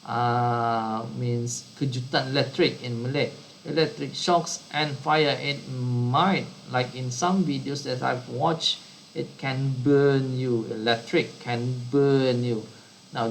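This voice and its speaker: A man's voice: mid-range voice, creaky, slight background noise, rough recording. A man teaching a science lesson to children, often repeating and rephrasing his words. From Brunei. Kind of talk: slow online science lesson.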